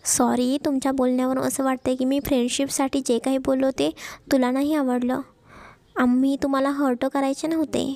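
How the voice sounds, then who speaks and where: A woman's voice: high-pitched, flat delivery, fairly quick, warm tone, no echo. Woman voicing an eager young college guy.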